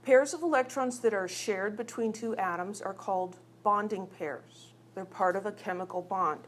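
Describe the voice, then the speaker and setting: This recorded lecture features a woman teaching chemistry at normal speed in a mid-range voice. Chatty and teasing, she asks her students questions while working examples.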